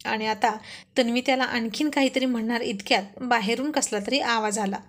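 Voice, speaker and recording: Woman storyteller, steady scripted narration, slightly high voice. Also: a little fast.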